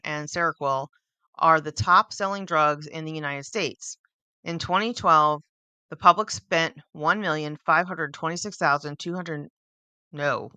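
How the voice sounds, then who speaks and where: A woman's voice: on the low side, pushed and bright, no echo. A woman hosting a book club, reading a book aloud with casual commentary, stumbling over words and adding dry sarcastic asides.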